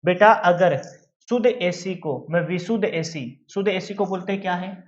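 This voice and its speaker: A man's voice: high voice, fairly even intonation, normal speed, highs cut off. A male teacher giving a lecture, who asks questions and answers them himself and calls his students "beta". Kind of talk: classroom lecture.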